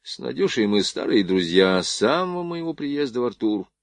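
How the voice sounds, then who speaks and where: A man's voice: mid-range voice, big pitch swings, moderate pace, no echo. A man reading the lines of a curious, easygoing young ensign.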